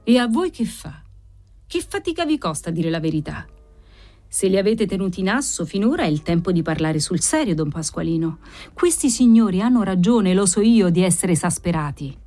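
A sly lottery-office keeper, as a woman narrator plays him, coaxes in a soft, lowered voice. He murmurs more than he speaks. He is a figure in a read-aloud novel. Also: very animated, moderate pace. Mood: coaxing. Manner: soft, coaxing, low. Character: smooth, persuasive lottery-office keeper, a man.

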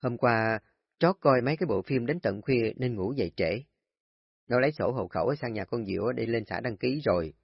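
A man's voice: medium pitch, lively intonation, creaky, husky, no echo. A man playing a mild, easygoing older husband who speaks unhurriedly. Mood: calm. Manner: unhurried, reasoning. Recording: dry, dull lo-fi recording.

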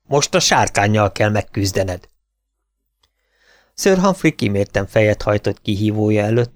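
A man narrating a fantasy audiobook in a steady, measured storytelling manner. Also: fairly low pitch, no echo, studio quality. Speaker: audiobook reader.

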